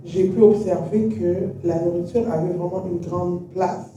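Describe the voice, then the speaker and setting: A woman who grew up in Canada, talking in a measured, pausing way with gentle humor in a casual faith-based conversation. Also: lowish voice, fairly even intonation, far from the mic, lo-fi sound. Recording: very echoey room, voice from afar.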